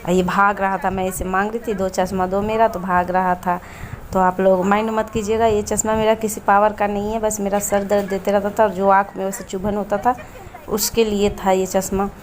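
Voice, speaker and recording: A woman chatting in a casual home vlog, often pausing to search for the right word. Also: mid-range voice, flat delivery, slight background noise. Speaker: home vlogger. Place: home in an Indian village.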